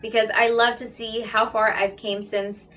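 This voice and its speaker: A woman's voice: on the high side, little pitch movement, normal speed, fairly bright tone, far from the mic. A woman beauty vlogger chatting casually and directly to her viewers about makeup. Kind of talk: casual makeup vlog talk.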